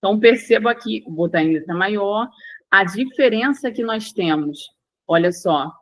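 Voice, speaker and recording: A woman's voice: medium pitch, expressive, normal speed, dry recording, rough recording. A woman with a Brazilian Portuguese accent teaching an online language lesson, explaining in plain steps, repeating key points and checking in with her students.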